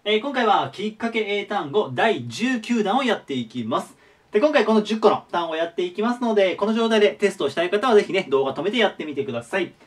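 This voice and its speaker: A man giving a casual vocabulary lesson, friendly and polite, repeating each word slowly and clearly. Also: sits high, sing-song. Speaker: English teacher. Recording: voice a bit far from the mic.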